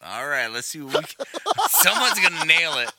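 A man's voice: on the high side, wildly swooping pitch, moderate pace, sharp tone. A man chatting casually on a voice call, laughing and easygoing. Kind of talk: casual gaming chat.

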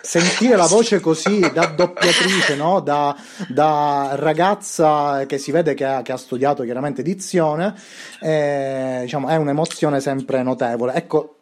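A man hosting a relaxed podcast chat, his voice a little higher than most men's. He rambles and circles back with plenty of fillers. The voice sounds rough around the edges. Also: a little slow. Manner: rambling, many fillers and restarts. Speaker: podcast host.

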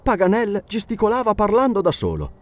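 Expressive male audiobook narrator. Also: high-pitched. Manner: measured, expressive storytelling. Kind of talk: scripted narration of a novel.

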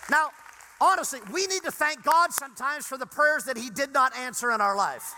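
Bright-voiced male preacher in a reverberant hall. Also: very high voice, moderate pace, a faint crowd, a little hiss or hum. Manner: animated preaching, swinging between loud emphasis and near-whispers. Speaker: pastor. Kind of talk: sermon.

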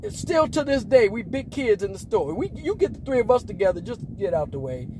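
A man in his forties preaches in a casual, slangy way. His voice is unusually high and swings widely in pitch, and he laughs often and sometimes shouts for emphasis. Traffic noise comes through clearly behind him. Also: big pitch swings, a little fast. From Las Vegas, Nevada, US. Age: 40s. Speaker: preacher and podcast host.

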